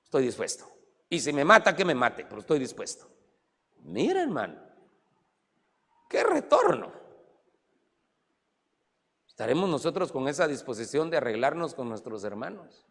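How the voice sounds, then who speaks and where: A man pastor preaching a sermon, swinging from loud exclamations to low asides. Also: big pitch swings, fairly quick, in a large hall.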